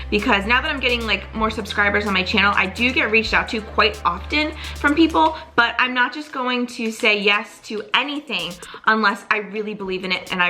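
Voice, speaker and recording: Bright-voiced upbeat woman vlogger. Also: fairly high pitch. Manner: chatty, upbeat, frequent "like" fillers. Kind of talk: casual product review vlog.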